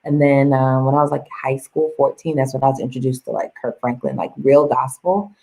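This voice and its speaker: A young woman chatting as an interview guest, animated, laughing and acting out quoted voices. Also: a bass voice, fairly quick, vocal fry, rough recording. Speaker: guest, vocal coach. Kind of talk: casual interview chat.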